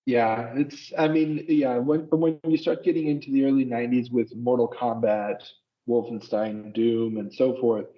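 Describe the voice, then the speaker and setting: A man's voice: medium pitch, fairly even intonation, moderate pace, distant mic. Male host, from the United States, raised in Argentina, thoughtful questions, off-mic, muffled audio. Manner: thoughtful, long framing questions. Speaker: podcast host, interviewer. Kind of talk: conversational interview questions.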